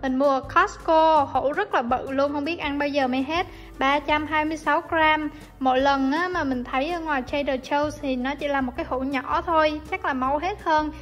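Speaking at a normal speed with a steady tone, a young Vietnamese woman narrates her cooking video from her home kitchen. Her high, bright voice stays warm and easygoing as she walks through each step, with faint soft music in the background.

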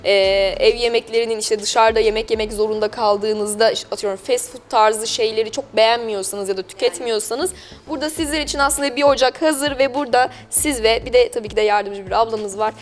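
This local TV presenter's voice is on the high side, brisk, with fairly even intonation. Chatty, courteous, and long-winded, she interviews business owners over background music.

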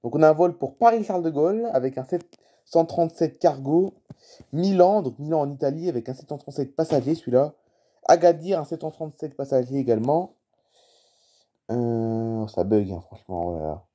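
A man's voice: on the high side, lively intonation, brisk, dark tone. A man commenting casually on a live flight-tracking map, reading out cities and plane types and chatting to viewers. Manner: puzzled by unfamiliar place names. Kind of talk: casual screen-recording commentary.

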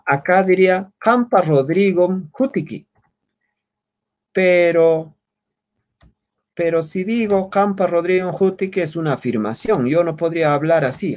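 Over a video call, a man teaches an online language class, patiently and slowly repeating words for his students. His voice is fairly high and a little mellow.

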